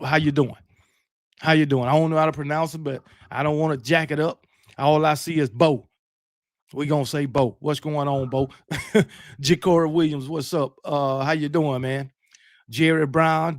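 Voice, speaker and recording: Middle-aged man, gravelly voice a touch high, laid-back slangy stream host, dry close mic. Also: no room sound. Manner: relaxed, shout-outs, slangy banter. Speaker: livestream host. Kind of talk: casual late-night chat, reading viewer comments.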